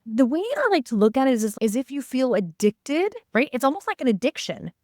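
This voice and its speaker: A woman's voice: sits high, sing-song, brisk, a little mellow, no room sound, clean studio sound. A woman guest on a podcast, a co-parenting coach who talks emphatically and keeps checking in with tag questions. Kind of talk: podcast interview, casual chat.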